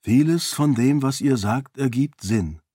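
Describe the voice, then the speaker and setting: A man's voice: medium pitch, measured pace, mellow, breathy edge, dry recording, studio quality, voice pushed up. A man voicing a cautious, thoughtful nobleman who weighs his words. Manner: careful, considered.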